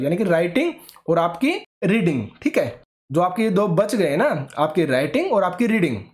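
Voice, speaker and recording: Man teaching an exam-prep lesson. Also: sits high. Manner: explanatory, checks in with "ठीक है?" often. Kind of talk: online exam-prep lecture.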